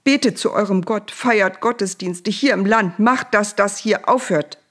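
A woman's voice: mid-range voice, a little slow, voice pushed up, close to an everyday voice. A woman voicing the Pharaoh, a weary, whiny male ruler, groaning and pleading in a storybook reading.

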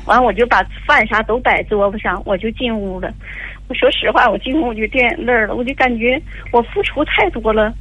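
A woman's voice: fairly high pitch, a little fast, a bit bright, husky, dry recording. An older woman, calling in to an advice radio show and telling a long, tearful story with many fillers. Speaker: caller. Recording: dull lo-fi phone line.

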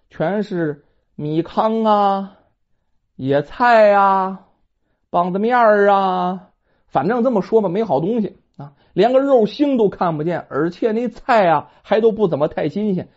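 Lively woman telling a folk tale. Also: mid-range voice. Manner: lively, dramatic colloquial telling. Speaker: storyteller. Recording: dull lo-fi recording.

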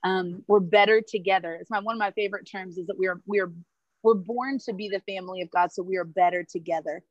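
A woman's voice: mid-range voice, fairly even intonation, dry recording, dull audio. A woman who leads a women's ministry, talking enthusiastically and chattily on a video call from a marketplace. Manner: enthusiastic and chatty, quick asides. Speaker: ministry leader. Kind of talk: casual livestream chat.

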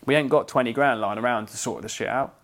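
A young English man co-hosting a podcast, telling a story in a casual, animated way and swearing freely. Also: mid-range voice, fast. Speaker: podcast co-host.

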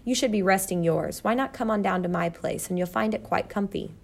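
A woman's voice: medium pitch, brisk, creaky, a little mellow. A woman voicing a friendly young male pet mouse who talks with easy wonder, in a storybook reading.

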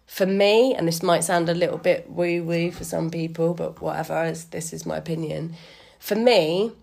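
A woman's voice: on the low side, fairly even intonation, moderate pace, vocal fry, darkish tone. A woman with a slightly wheezy voice musing casually on her own as a podcast host, informal, chatty and enthusiastic. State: a bit wheezy today.

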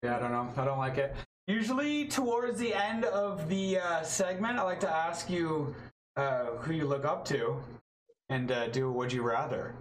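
A man hosting a podcast interview, chatting casually and laid-back, dropping quick agreeing remarks and casual swears. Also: fairly high pitch, low-quality recording. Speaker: podcast host.

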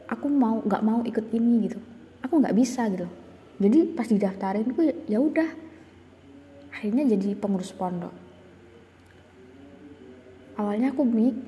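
A woman's voice: medium pitch, dark tone, slight background noise. A young woman telling a personal story in a casual, reflective and confessional way, hesitating and restarting often. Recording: long reverb.

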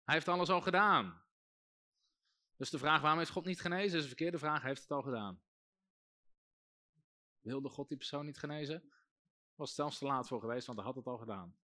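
A man's voice: fairly high pitch, a little fast, pauses often, sharp tone. A man, a pastor, preaching a sermon and calling out to his congregation. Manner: preaching with rising emphasis and calls to the congregation.

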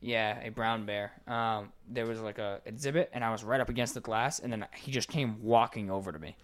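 A young American man co-hosting a podcast, telling stories in a casual, animated way and swearing a lot. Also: lowish voice, fairly quick. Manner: animated storytelling with frequent swearing. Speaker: podcast co-host. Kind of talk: casual chat.

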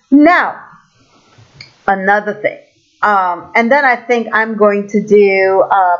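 Woman from turkey chatting slow, voice jumps up and down a lot, kinda dull lo-fi sound. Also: mid-range voice. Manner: animated storytelling, exclaims in quoted asides. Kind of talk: casual monologue.

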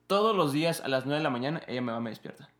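Un hombre joven con acento mexicano, copresentador de una charla informal, que cuenta anécdotas de forma animada e imita voces. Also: male voice, medium pitch, racing, echoey room. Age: young adult. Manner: animated storyteller, acts out voices and film scenes. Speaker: podcast co-host. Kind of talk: casual chat.

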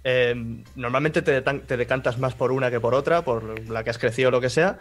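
A man with a mild Andalusian accent, a guest in a casual chat, talking in a relaxed way, laughing often and swearing casually. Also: mid-range voice, brisk.

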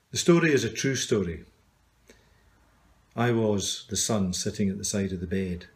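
Middle-aged man, lowish voice, earnest and measured, telling a reflective personal story. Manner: measured, earnest, often slowing down. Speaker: video storyteller.

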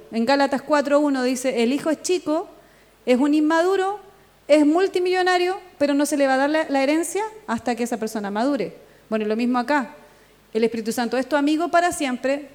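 A woman pastor with a Chilean accent, preaching a sermon and telling stories with lively quoted voices. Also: high voice. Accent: Chilean Spanish. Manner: animated storytelling with quoted voices and laughter. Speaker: pastor and worship leader. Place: church hall with long reverb. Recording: reverberant church hall.

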